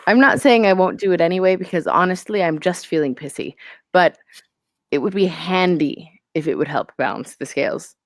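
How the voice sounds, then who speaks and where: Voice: medium pitch, moderate pace, dry recording, close to an everyday voice. A player voicing a pissy, mischievous deity of balance in a tabletop game, in a casual, wry manner. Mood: grudging, wry.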